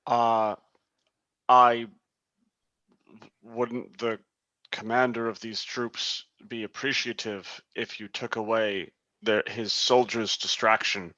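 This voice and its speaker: A player at a tabletop game, speaking deliberately and partly in character. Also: medium pitch, flat delivery, sharp tone, dull audio. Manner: slow, deliberate, half in character. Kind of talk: casual tabletop play.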